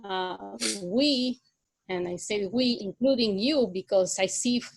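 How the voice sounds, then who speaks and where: Slow, hesitant Guatemalan woman lecturing. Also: medium pitch, poor audio. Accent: Guatemalan Spanish. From Guatemala City. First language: Spanish. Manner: halting, many filler sounds. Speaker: guest speaker. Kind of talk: online guest lecture.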